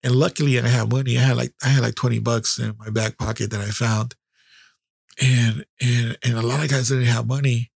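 Man, gravelly husky voice, blunt and profane, candid storytelling, dry close sound. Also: medium pitch, fairly even intonation, fairly quick, dry recording. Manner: self-deprecating, with frequent restarts. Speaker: podcast host.

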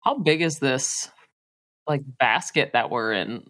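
A woman's voice: very deep voice, expressive, slow pace, fairly bright tone. A woman playing a tabletop role-playing game, bantering casually in a cheeky, joking way.

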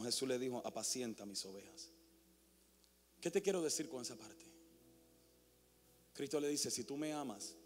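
A male pastor preaching a sermon, swinging from hushed near-whispers to loud, impassioned calls. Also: extremely high pitch, big-room sound.

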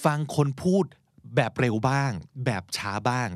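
A man's voice: medium pitch, unhurried, no echo, studio quality. A man hosting a podcast, teaching English vocabulary in a chatty, encouraging way and mixing in English terms. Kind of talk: casual explanatory teaching.

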